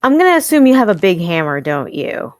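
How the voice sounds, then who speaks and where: A woman role-playing in a tabletop game, speaking in a teasing, animated way. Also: lowish voice, fairly quick, no room sound, studio quality.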